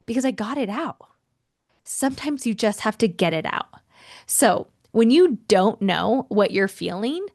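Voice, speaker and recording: A woman's voice: on the high side, dry recording, studio quality. Chatty woman hosting a self-help podcast. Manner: chatty and expressive, addresses listeners as friends. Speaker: podcast host and life coach.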